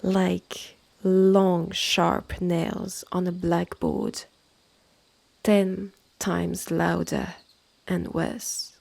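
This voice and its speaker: Heavily acted and animated, a lowish female voice with a French accent brings to life a haughty, sardonic witch innkeeper in a close, measured second-person audio roleplay. She sounds condescending and ominous, speaking deliberately in clipped phrases broken by exasperated sighs, her tone creaky and at times hushed.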